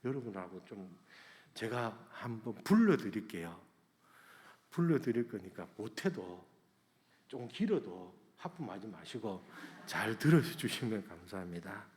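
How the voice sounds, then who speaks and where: A man preaching a sermon as pastor, rising to loud emotional cries and falling back to soft, hushed lines. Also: fairly low pitch, sing-song, a little slow. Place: church sanctuary. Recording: long church reverb.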